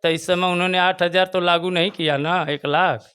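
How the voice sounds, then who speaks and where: A man's voice: high voice, fairly even intonation, fairly quick, fairly bright tone, clear, resonant tone. A man with a Bhojpuri-tinged eastern Uttar Pradesh accent, a local party booth president giving his earnest views in an interview and repeating his points. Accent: Bhojpuri-tinged Hindi of eastern Uttar Pradesh. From Chandauli, Uttar Pradesh. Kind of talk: casual political opinion interview.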